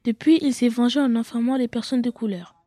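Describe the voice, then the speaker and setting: A woman reading her own children's story aloud, with dramatic loud bursts and whispered asides. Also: fairly high pitch, steady tone, a little fast, no echo, studio quality.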